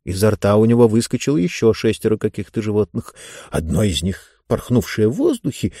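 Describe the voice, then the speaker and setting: Male audiobook reader; very lively intonation, dry booth-like sound, expressive storyteller. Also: medium pitch, vocal fry, no room sound. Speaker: narrator. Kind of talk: scripted audiobook narration.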